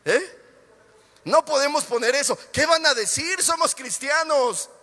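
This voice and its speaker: Un pastor con acento mexicano que imita a un miembro de iglesia nervioso y regañón. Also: male voice, very high voice, animated, measured pace, bright, forceful tone, big-room sound, pitched above the performer's own voice, exaggerated voice. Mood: alarmed. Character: fretful churchgoing man urging restraint.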